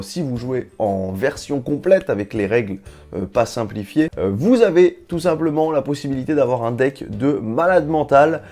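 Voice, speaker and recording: A man's voice: mid-range voice, a little mellow. A man with a grainy morning voice hosting an unboxing vlog in informal, slangy, casual chat. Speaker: YouTube host.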